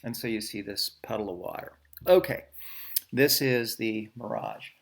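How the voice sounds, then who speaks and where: A man teaching a physics lesson while drawing diagrams, talking conversationally, often saying "okay" and quickly correcting himself. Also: on the low side, expressive, gravelly.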